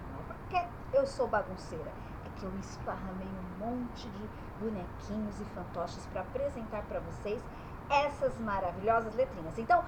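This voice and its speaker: A woman's voice: on the high side, background noise. A woman teaching young children about letters and vowel sounds in her bedroom, stretching the vowels as she speaks.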